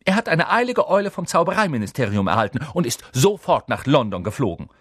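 A man's voice: fairly high pitch, very animated, fast, a bit bright, breathy edge, no room sound, clean studio sound, pitched above the performer's own voice, heavily acted. A man voicing a stern, strict older woman professor who speaks in a clipped, commanding, cool manner.

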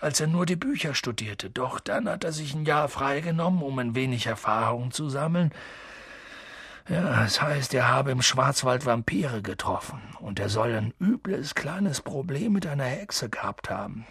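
A man voicing a huge good-natured gamekeeper, low and gruff, clipping his words. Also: big pitch swings, normal speed, fairly bright tone, no room sound, clean studio sound, exaggerated voice. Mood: confiding.

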